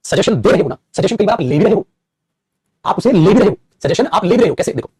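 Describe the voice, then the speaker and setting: A man's voice: sits high, fast talker, breathy edge, dry recording, studio quality. A man teaching English grammar in an online class, coaxing and scolding his students and calling them 'beta'. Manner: animated, calls students 'beta', scolds and coaxes.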